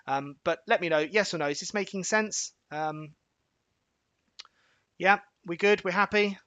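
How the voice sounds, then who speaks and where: A man hosting a live trading webinar, talking quickly and chattily as he walks viewers through charts step by step, stopping to check they are following and reaching for homely analogies. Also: high voice, sharp tone, no room sound. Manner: folksy analogies and filler-laden restarts. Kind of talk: live educational chart walkthrough.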